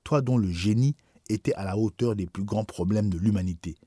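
A man reading a historical memoir aloud in a solemn, measured, mournful narration. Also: fairly low pitch, dark tone, husky, dry recording, clean studio sound. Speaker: audiobook reader.

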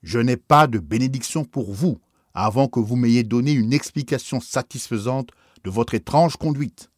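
A man's voice: mid-range voice, animated, normal speed, darkish tone, husky, dry recording, clean studio sound. A man voicing a stern, indignant older bishop who scolds with haughty authority.

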